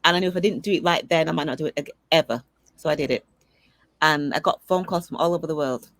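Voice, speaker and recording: A middle-aged woman, an interview guest, telling personal stories in a lively, conversational way and acting out the voices of people she quotes. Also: low voice, quick pace, no echo. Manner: animated storyteller who acts out dialogue. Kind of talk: conversational storytelling.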